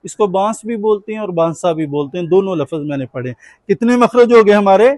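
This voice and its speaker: A man's voice: high voice, expressive, fairly quick, a little mellow, no room sound. A man teaching a class, patiently asking his students questions and having them answer back. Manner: patient call-and-response questioning. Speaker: Quran teacher.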